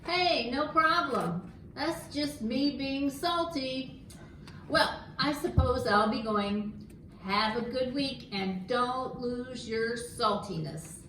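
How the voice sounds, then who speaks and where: Woman playing a slow-talking earnest puppet guy who loves chips, kinda sly, echoey room. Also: high-pitched, fairly bright tone, slight background noise. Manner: earnest, literal-minded, a little sly. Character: naive snack-loving male puppet, slow and earnest. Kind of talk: church puppet skit.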